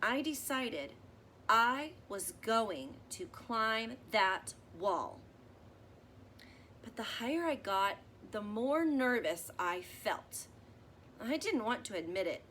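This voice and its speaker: A woman reading a children's picture book aloud expressively, pausing to explain things as if to young children. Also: a little high, very animated, sharp tone, slight background noise. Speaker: storybook reader.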